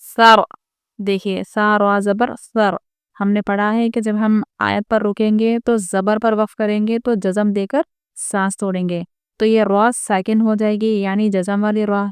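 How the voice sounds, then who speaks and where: A woman's voice: medium pitch, darkish tone, clear, resonant tone, no room sound, clean studio sound. A woman teaching Quran reading rules step by step, patiently explaining each rule and asking her viewers rhetorical questions. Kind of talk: step-by-step recitation lesson.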